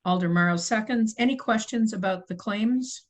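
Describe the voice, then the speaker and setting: A woman's voice: medium pitch, moderate pace, poor audio. Woman running a city committee meeting on a video call, reads the agenda, keeps fixing her own slips. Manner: procedural, apologetic, self-correcting. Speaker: committee chair. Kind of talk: formal meeting chairing.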